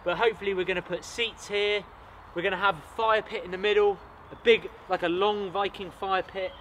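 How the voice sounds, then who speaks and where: Out in the forest, a bushcraft host in his thirties explains his build with enthusiasm while working, in a casual outdoor vlog. He speaks briskly in a steady, slightly bright, high-sitting voice. The camera mic is sometimes distant, and there's slight background noise.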